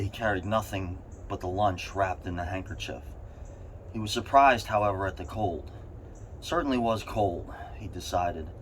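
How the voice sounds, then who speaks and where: A man with a low-pitched voice reads a story aloud. His delivery has strained bursts of emphasis. There is faint, steady noise behind him. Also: poor audio. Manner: strained bursts of emphasis, as if sitting in an ice bath. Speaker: reader of a short story. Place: in an ice bath.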